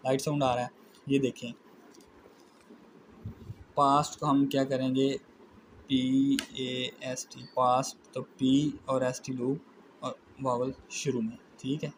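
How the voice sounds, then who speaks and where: A man's voice: medium pitch, little pitch movement, measured pace, pauses often, a little hiss or hum, poor audio. A man with a Pakistani Urdu accent giving a methodical shorthand lesson, spelling out letters one at a time. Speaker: shorthand teacher. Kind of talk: classroom lecture explaining shorthand strokes.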